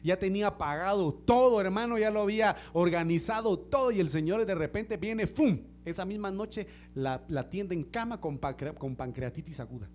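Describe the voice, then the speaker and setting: Animated pastor preaching, soft to shouting. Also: male voice, sits high, normal speed, few pauses, slight background noise. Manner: swings from soft, near-whispered asides to loud, shouted peaks; acts out quoted people in a storytelling way. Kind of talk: sermon. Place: church.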